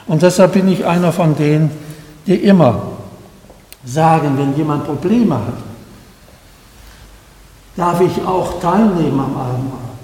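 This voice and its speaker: A man's voice: high voice, dark tone, echoey room, long reverb tail, low-quality recording. A man preaching a sermon to a congregation, earnest and pleading, often asking his listeners direct questions.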